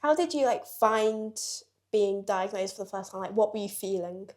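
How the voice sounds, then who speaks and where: A teenage girl hosts the podcast, asking questions and chiming in with quick agreement. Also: mid-range voice, a little mellow. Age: teens. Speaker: podcast host. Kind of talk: casual interview.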